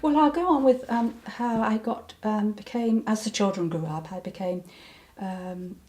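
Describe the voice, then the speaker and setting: Mellow-voiced older woman recalling, hesitant. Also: mid-range voice, measured pace. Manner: hesitant, many ums and restarts, breaks into laughter. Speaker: interviewee. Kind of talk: reflective personal recollection.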